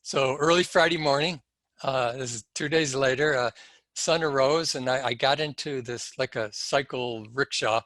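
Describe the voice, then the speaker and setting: A man speaking at a symposium, telling a personal story in a slow, reflective and halting way. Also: mid-range voice, fairly bright tone, no echo.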